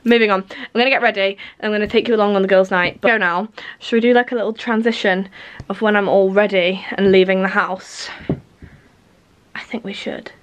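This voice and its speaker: A woman's voice: mid-range voice, fairly even intonation, fairly quick, clean tone. A woman in her twenties chatting casually to camera at home in a rambling, self-mocking way. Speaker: vlogger. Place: at home, indoors.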